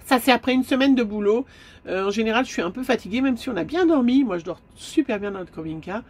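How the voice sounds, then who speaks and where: A woman with a slightly high voice and a stuffy nose, talking in a relaxed, chatty way. She fills her talk with little asides and hesitations. She is recording inside a camper van. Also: fast talker, slightly rough. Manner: chatty, many fillers and asides. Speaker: craft vlogger. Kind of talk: casual haul chat.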